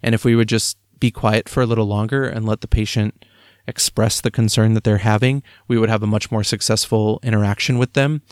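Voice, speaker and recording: A man's voice: lowish voice, fairly even intonation, brisk, no room sound, studio quality. A man, likely in his thirties, talking through parenting advice in a conversational, reflective way with frequent fillers. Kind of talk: casual advice talk.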